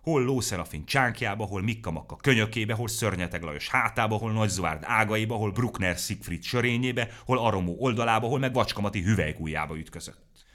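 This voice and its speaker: A man reading a children's story aloud in a playful, animated way. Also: on the low side.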